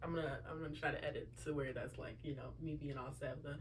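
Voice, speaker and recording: A woman's voice: low voice, steady tone, fast talker. A young woman chats casually to her listeners. She rambles, stacks up fillers and throws in side remarks. A faint hum sits under the recording. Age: young adult. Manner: chatty, lots of fillers and asides to listeners. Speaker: podcast host. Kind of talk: casual solo chat.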